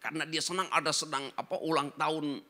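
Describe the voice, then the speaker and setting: A male pastor preaching a sermon and telling stories, swinging between loud emphasis and hushed asides. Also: fairly high pitch, steady tone, quick pace.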